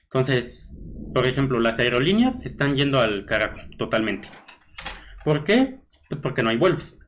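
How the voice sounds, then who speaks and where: This blogger host speaks at normal speed in a medium pitch that swings widely, with slight background noise behind him. His Mexican Spanish accent colors a casual commentary where he reads bits of news and thinks aloud, dropping "este" and "¿no?" often.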